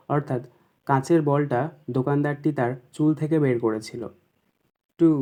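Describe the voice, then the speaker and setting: A man with a West Bengal accent teaching an exam paper, reading each English question slowly and then explaining it quickly in Bengali. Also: mid-range voice, mellow. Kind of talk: exam paper walkthrough lesson.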